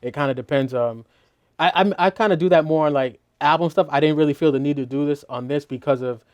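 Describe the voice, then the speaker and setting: A middle-aged mix engineer with a fairly high, smooth voice talks fast as he walks through his mixing process in a studio. His teaching is casual and loose, full of "you know" and restarts.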